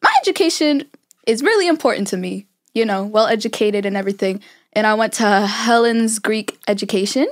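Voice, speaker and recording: A woman's voice: medium pitch, fairly quick, natural voice. A young woman playing Cleopatra as a brash, boastful Egyptian queen who talks in modern slang and drawls her points. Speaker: student playing an interviewee. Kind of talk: school project role-play interview.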